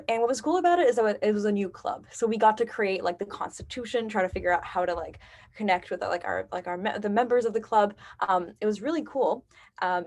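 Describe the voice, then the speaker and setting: A young woman from Lebanon, a university student, talking about campus life in an upbeat, chatty way over a video call. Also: mid-range voice. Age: young adult. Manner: chatty and upbeat, many fillers. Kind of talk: casual talk on a video call.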